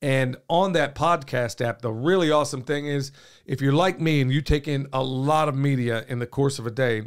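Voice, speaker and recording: This podcast host's medium-pitched voice is hoarse and fading as he chats casually and rambles in a folksy way, saying "y'all" and gesturing often. He's set up indoors in a small studio with headphones and a studio mic on a boom arm.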